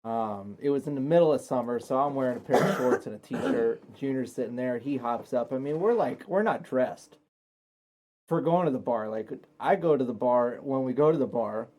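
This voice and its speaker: A man's voice: medium pitch, lively intonation, normal speed, warm tone. A young man telling his side of a story in a laid-back, rambling, profane way as a guest. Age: young adult. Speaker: guest, host's partner. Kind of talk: casual storytelling chat.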